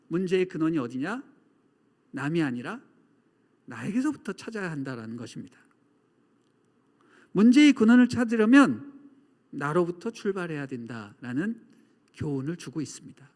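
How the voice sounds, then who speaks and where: A man with a high, lively voice gives a sermon in a large church sanctuary. He tells stories and acts out shouting and echoing calls. His voice rings with long church-hall reverb. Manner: preaching with acted shouts and echoes. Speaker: pastor.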